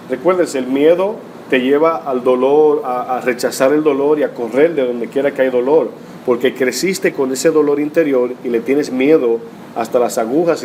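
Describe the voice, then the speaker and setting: A man's voice: medium pitch, a little mellow, slight background noise. A male pastor preaching a sermon in a teaching tone, often asking rhetorical questions and reading scripture aloud. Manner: rhetorical, teaching tone with frequent "¿verdad?" tags.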